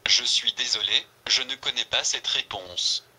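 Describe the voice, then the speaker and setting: A man's voice: mid-range voice, a little slow, pushed and bright, husky, exaggerated voice. A synthetic male text-to-speech voice speaking as a polite phone voice assistant, with a European French accent and formal phrasing. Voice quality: synthesized, evenly paced.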